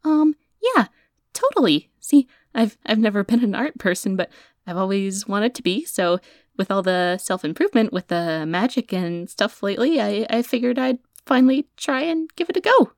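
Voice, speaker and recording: A woman's voice: mid-range voice, moderate pace, dry recording, clean studio sound, lightly acted. An actress playing an awkward, earnest young woman with magic, rambling and hesitant as she records herself in an audio drama. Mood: flustered. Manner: rambling, hesitant, stammering when flustered.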